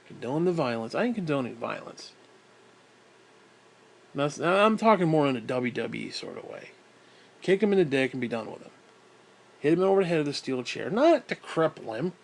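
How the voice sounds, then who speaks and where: A man's voice: medium pitch, very animated, brisk, vocal fry, long pauses. A man ranting in a vlog, blunt and exasperated, swearing constantly and sighing heavily. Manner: profane, blunt, exasperated, with heavy sighs. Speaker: vlogger. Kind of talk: angry ranting monologue.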